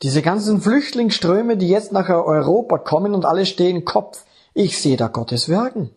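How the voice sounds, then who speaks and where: Male preacher, husky voice with high pitch, emphatic and engaging. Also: lively intonation, normal speed, a little mellow. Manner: emphatic, keeps checking in with the audience. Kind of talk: sermon.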